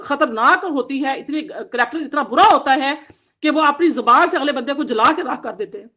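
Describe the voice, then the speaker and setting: Earnest woman preaching, high voice. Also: fairly bright tone. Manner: earnest, exhorting, lists in repeated phrases. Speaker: Islamic teacher giving Quran commentary. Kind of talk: devotional talk to women. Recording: dull lo-fi audio.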